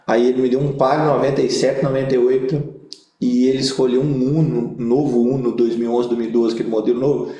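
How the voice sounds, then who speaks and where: The audio is dull and the room echoey as the young Brazilian pastor talks quickly at a medium pitch. He tells amusing stories in a laid-back interview, bringing them to life by acting out the voices of those involved.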